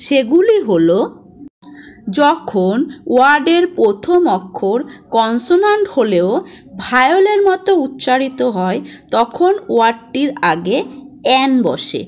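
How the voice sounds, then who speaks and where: Lively-voiced woman teaching grammar, patient and clear. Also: sits high, measured pace. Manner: patient explaining, spelling out words. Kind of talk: spoken grammar lesson.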